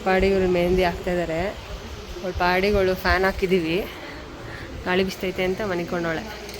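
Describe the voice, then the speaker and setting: A woman's voice: fairly low pitch, little pitch movement, moderate pace, a crowd in the background. A young woman chatting casually for her vlog in a family home, laughing often and putting questions to the people around her. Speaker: vlogger. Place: family home at an engagement function.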